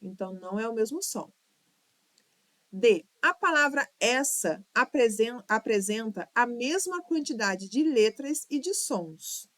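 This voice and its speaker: Slow, dry-voiced Brazilian teacher woman. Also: on the high side, animated, fairly bright tone, no echo. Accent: Brazilian Portuguese. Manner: patient, counts syllables aloud, drawls words to sound them out. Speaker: Portuguese teacher for exam prep. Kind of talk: online lesson walking through exam questions.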